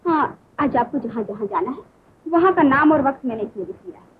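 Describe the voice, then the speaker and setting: A high, lively female voice, a devoted young sister-in-law who begs and coaxes with theatrical insistence. It has the tinny, phone-thin sound of an old 1950s film print with a faint hiss underneath. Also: brisk. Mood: dry, teasing. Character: gentle, stubborn young bhabhi who tames her drunk brother-in-law. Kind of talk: 1950s Hindi film acting.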